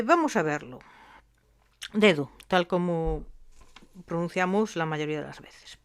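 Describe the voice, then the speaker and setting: A woman gives a phonetics lesson. She speaks very slowly and deliberately, pausing between each term as she breaks sounds down. Her voice sits at a middle pitch. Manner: slow and deliberate, spelling out sounds with pauses. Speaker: language teacher.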